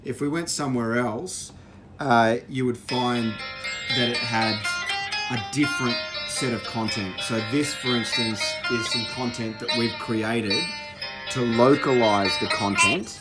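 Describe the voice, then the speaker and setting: A man walking through an educational software system, explaining it in a relaxed way with fillers. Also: medium pitch, measured pace, over loud music. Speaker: presenter demonstrating software. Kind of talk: casual walkthrough.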